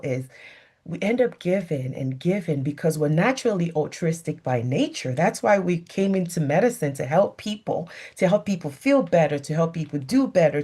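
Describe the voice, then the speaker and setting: A woman's voice: low-pitched, warm tone. A middle-aged woman with a Nigerian accent, a physician sharing her personal story in a reflective, earnest talk with small restarts.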